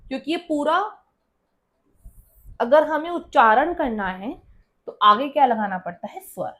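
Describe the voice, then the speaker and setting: Slow high-voiced woman teacher. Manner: asks students questions and answers them herself. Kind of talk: explaining a school lesson.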